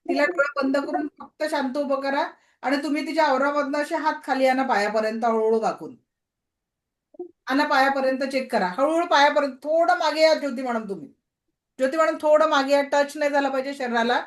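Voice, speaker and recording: A woman teaching an online reiki class, giving calm, repetitive guided-healing commands over a video call. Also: high voice, brisk.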